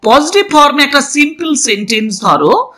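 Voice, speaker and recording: A woman speaking with a Bengali accent gives a classroom grammar lesson, working through each point slowly and answering her own questions. Her voice is bright and a little high, and it rises and falls in a lively way. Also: poor audio. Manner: slow, explaining step by step, asks and answers own questions. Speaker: English grammar teacher.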